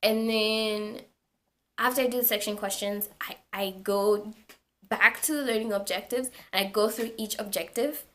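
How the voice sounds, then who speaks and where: A young woman from Zambia, telling a story to her vlog audience in a casual, animated way and repeating words for emphasis. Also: medium pitch, moderate pace. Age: young adult. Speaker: university student vlogger.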